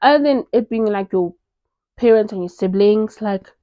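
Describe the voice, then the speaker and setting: A woman from South Africa gushes about her favorite romance books in a loose, chatty vlog, full of "like" and "you know." Her voice sits close and dry against the mic, and the sound is a little dull and lo-fi. She sits in a mid-range pitch for a woman. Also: normal speed, no room sound. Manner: gushing, animated, lots of fillers. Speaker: book reviewer. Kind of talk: casual book recommendation vlog.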